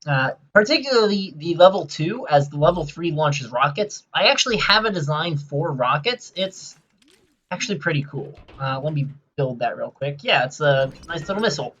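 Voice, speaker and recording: A man giving casual gameplay commentary, rambling and excitable as he explains his build, with many filler sounds. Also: fairly high pitch, normal speed, husky, highs cut off.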